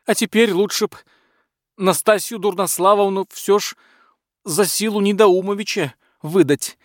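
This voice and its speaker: A man doing a high whiny fawning butler. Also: unhurried, dry recording, studio quality. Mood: hurried. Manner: pleading, wheedling. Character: whiny scheming court butler, male, fawning.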